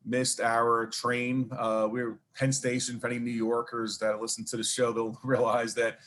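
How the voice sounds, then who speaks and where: The Brooklyn-accented New Yorker keeps spinning long, digressive stories full of fillers as a guest in a relaxed storytelling interview. He talks at normal speed in a medium, fairly bright monotone, with slight noise in the background.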